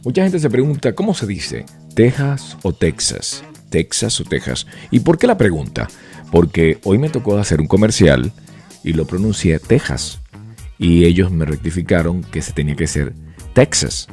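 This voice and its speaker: A male radio announcer giving a casual explainer, animated and full of rhetorical questions. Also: deep voice, a little fast, soft background music.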